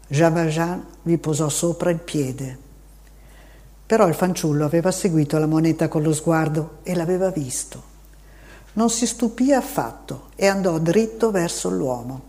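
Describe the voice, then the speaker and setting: A narrator reading a classic novel aloud in a steady, measured way. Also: medium pitch. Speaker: audiobook narrator. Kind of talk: scripted literary narration.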